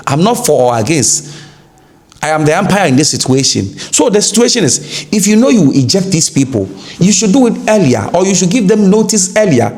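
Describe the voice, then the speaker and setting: Gravelly Ghanaian man giving news commentary. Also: a little high, darkish tone. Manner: emphatic, repeats key words for stress.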